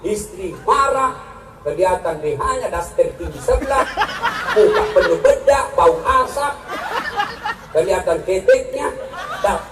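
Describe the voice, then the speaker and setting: A man preaching a humorous sermon to a live audience, joking and acting out quarrels in high and low voices. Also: lively intonation, unhurried, long pauses. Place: large hall with a live audience. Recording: echoey, from far off, crowd and noise behind.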